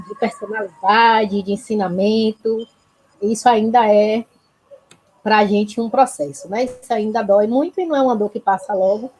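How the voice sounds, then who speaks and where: A woman's voice: a little high, a little mellow, breathy edge, low-quality recording. A woman with a Bahian Brazilian accent talking reflectively and earnestly as a host, often adding tag questions to seek agreement. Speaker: panel host, health project institutional supporter. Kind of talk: reflective conversational talk.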